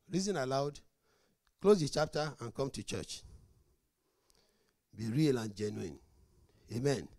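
A middle-aged pastor gives a marriage sermon. His voice sits high for a man and swoops up and down as he tells stories and plays out both sides of conversations. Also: dry recording, studio quality. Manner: animated storytelling, acts out both sides of dialogues.

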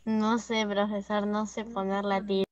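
A woman's voice: medium pitch, flat delivery, measured pace. A young female pupil complaining plaintively to her teacher over a video call. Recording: dull lo-fi call audio.

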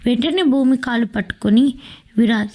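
Mellow woman narrating an audio story. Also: a little high, normal speed.

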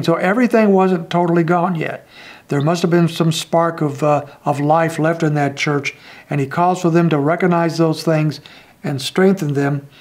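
A man's voice: on the high side, a little mellow. Older man giving a Bible lesson. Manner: measured, conversational, with frequent "uh" fillers. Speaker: pastor. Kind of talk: daily Bible teaching. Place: small home study, indoors.

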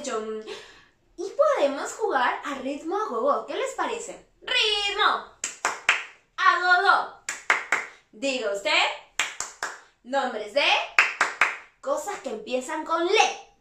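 Sing-song high-voiced woman teacher. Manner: sing-song, animated, drawn-out answers. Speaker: preschool teacher. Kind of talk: online lesson for young children. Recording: roomy sound from a distance.

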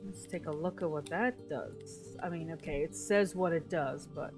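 A woman's voice: low voice, moderate pace, over music, rough recording. A woman commentating casually on her own gameplay, thinking aloud, while losing her voice. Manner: thinks aloud, self-talk with frequent restarts. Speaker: gameplay streamer.

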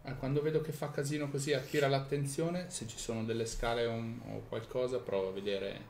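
A man's voice: mid-range voice, steady tone, fairly quick, a little mellow. A man playing a tabletop game, chatting casually and thinking aloud hesitantly. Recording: roomy echo, clear background noise.

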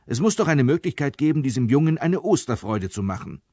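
A man's voice: medium pitch, big pitch swings, a little fast, darkish tone, dry recording, studio quality, voice pushed up. A male reader voicing a brooding, serious father who speaks in a strained, sighing way. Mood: urgent.

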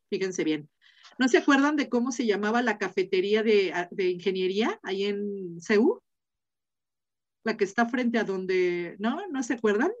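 Chatty Mexican woman teaching Latin. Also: on the high side. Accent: Mexican Spanish. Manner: chatty, asks students questions, many fillers. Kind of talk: online class lecture. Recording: dull lo-fi video call audio.

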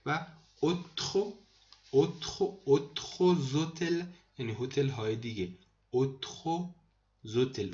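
A man teaching vocabulary to students in a screen lesson, repeating each word slowly and explaining it. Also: mid-range voice, dull audio. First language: Persian. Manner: repeats words slowly, addresses students as kids. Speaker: language teacher.

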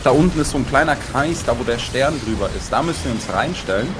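A man from Bavaria guiding his teammates through a game in casual chat, explaining the mechanics patiently and calling out danger quickly. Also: mid-range voice, lively intonation. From Bavaria, Germany. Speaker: experienced player guiding others. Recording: game music underneath. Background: game music.

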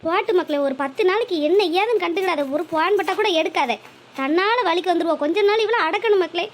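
A woman's voice: very high voice, fast talker, slight background noise. A woman voicing a worried, middle-aged village mother in a cartoon, talking in long pleading and advising runs. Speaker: cartoon voice actor. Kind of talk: cartoon voice acting.

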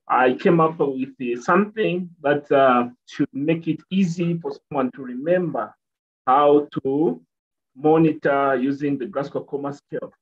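A middle-aged man, a nurse giving a measured lecture over a video call, repeating points and pausing with many fillers. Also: mid-range voice. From Zambia. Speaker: nurse presenter. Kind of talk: explanatory lecture. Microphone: webcam on a video call. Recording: dull video-call audio.

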